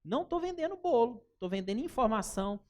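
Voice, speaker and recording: A man with a Brazilian accent teaching a live workshop, chatty and animated, often turning to the audience with anecdotes. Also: extremely high pitch, fast talker. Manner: animated, chatty, keeps calling the audience "gente" and telling anecdotes. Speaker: workshop instructor.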